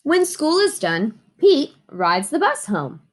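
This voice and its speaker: A woman reading a children's storybook aloud in an expressive way, asking her young listeners questions. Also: high-pitched, slow. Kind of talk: children's storybook read-aloud with sing-along.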